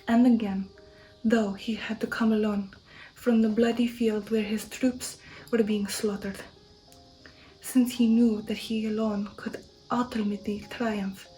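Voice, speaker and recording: Reading a gothic novel as an ASMR audiobook, a woman plays an old vampire count, proud and stately, bragging of his warlike lineage with indignant pride. Her natural voice is soft, half-whispered, dark and mellow, at a measured pace with fairly even pitch as he declaims. Soft music plays behind her, and the audio is poor.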